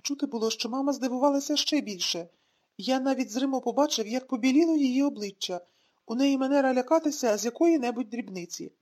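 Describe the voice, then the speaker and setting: A woman narrating an audiobook in a calm, reflective storytelling manner. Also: high voice, quick pace. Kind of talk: scripted narration.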